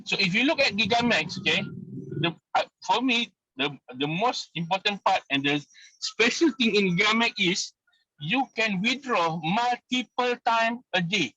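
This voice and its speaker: A man calls into a video meeting on speakerphone while driving, giving a persuasive investment pitch and repeating "okay" and his key points. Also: expressive, moderate pace, bright, forceful tone, dry recording. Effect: speakerphone call from a moving car. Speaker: investment group leader. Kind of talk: sales pitch on a video call. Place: inside a car while driving. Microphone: phone or car speakerphone on a video call. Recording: dull lo-fi call audio.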